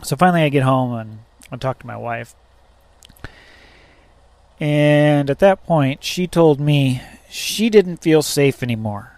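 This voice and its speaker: A man's voice: a little high, a little slow, a little mellow, dry recording. Rambling, profane storytelling man. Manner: rambling, profane, lots of fillers and restarts. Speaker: truck driver. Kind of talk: casual storytelling vlog.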